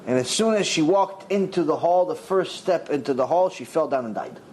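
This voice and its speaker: Male rabbi, sermon storyteller, lively swooping delivery, slightly high voice, faint hiss behind. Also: normal speed, rough recording. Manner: dramatic storyteller, voices the characters with big pitch swings.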